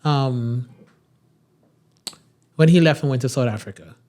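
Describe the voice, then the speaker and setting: A man from Trinidad hosting a podcast interview, asking long, halting questions full of fillers and giving frequent short acknowledgements. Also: mid-range voice, dark tone. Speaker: podcast host.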